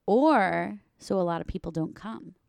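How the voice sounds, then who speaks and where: A woman's voice: on the low side, expressive, unhurried, vocal fry, a little mellow, dry recording. A woman in casual chat who laughs easily and pushes back on her friend's details.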